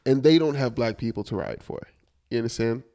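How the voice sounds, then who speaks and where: A man co-hosting a podcast in casual chat, animated and slangy, often saying dude. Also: medium pitch, brisk. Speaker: podcast co-host.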